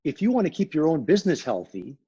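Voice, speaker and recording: On a dull, lo-fi recording, a guest consultant in a business interview talks in a measured, emphatic, pragmatic way. His husky, raspy voice is a little high and mellow, with big pitch swings.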